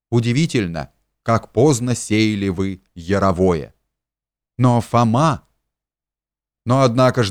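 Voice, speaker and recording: A man's voice: on the low side, no room sound, studio quality, close to an everyday voice. A man voicing a pompous, hypocritical middle-aged man who preaches and shrieks in indignation. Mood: sermonizing.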